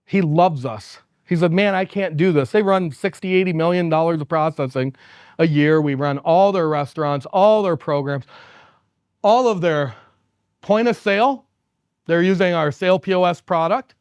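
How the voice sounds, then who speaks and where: A man's voice: a little high, normal speed, smooth, no room sound, clean studio sound. A man giving a conference keynote, telling stories with laughs and acting out the people he quotes. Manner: animated, laughs often, acts out quoted people. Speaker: company executive giving a keynote. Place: conference stage.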